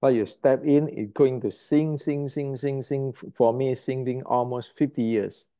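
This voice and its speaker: The speaker is an older Indonesian man, mid-range and mellow, talking unhurriedly with fairly even intonation. His martial arts lecture to the camera is blunt and emphatic, and he echoes words while groping for what to say.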